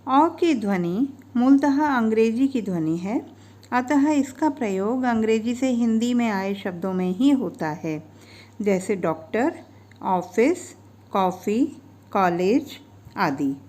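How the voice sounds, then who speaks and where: A woman in her fifties gives a scripted grammar lesson in a slightly high voice. She speaks slowly and spells out each sound and example with deliberate care. The narration runs over lesson slides. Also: animated, darkish tone. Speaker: teacher.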